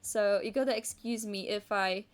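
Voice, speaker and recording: Speaking at a moderate pace in a steady, medium-pitched voice, a young woman who grew up speaking Polish talks casually while drawing on her art stream. She rambles and hesitates, with frequent restarts and fillers.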